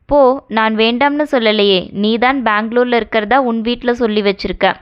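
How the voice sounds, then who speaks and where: A woman reading the lines of a curt, impatient young man in a story, in a smooth voice on a dull lo-fi recording. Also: a little high, steady tone, moderate pace, natural voice. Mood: brusque. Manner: curt and offhand.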